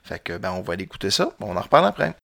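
Low-voiced Quebec podcast host. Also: male voice, very animated, racing, vocal fry, fairly bright tone, no echo. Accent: Quebec French. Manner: playful, chuckling asides. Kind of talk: casual chat about music.

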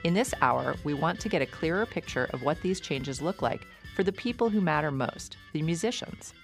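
A woman who is a radio show host and record label owner presents a music program, reading a scripted intro and then asking interview questions in a measured, conversational way. Her voice is low-pitched and expressive.

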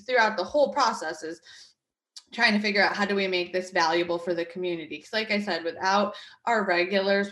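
Thirtyish connecticut woman, chatty guest, lots of ums, bright punchy voice, roomy echo. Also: medium pitch. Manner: chatty, many fillers and restarts. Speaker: guest, market project manager. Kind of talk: conversational interview.

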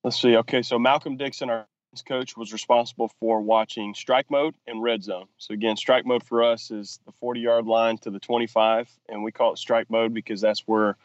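A man's voice: mid-range voice, little pitch movement, normal speed, hardly any pauses, no room sound, muffled recording. A man who is a football offensive coordinator, explaining his work in a podcast interview, often restarting sentences with fillers. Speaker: football offensive coordinator and quarterbacks coach, guest.

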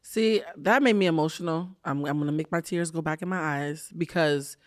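A man hosting a casual interview, expressive and gushing, laughing often with his guest. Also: a little high, moderate pace, dry recording, studio quality. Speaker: podcast host.

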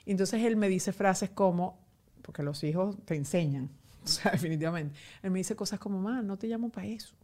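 Woman guest, 40s, expressive storyteller, laughs at herself, mid-pitched and natural. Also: a little fast. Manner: animated, self-mocking, quotes family in acted asides. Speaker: guest journalist. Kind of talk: candid conversational interview. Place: home pantry.

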